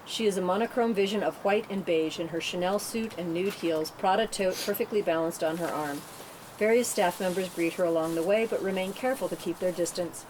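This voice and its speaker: At a table read, a woman narrates the screenplay's stage directions. Background rumble and room noise are clearly audible.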